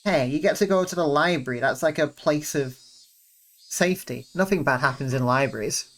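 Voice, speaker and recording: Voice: mid-range voice, normal speed, a bit bright. A streamer doing a blind visual novel playthrough, commenting with sarcastic, profane, rambling asides.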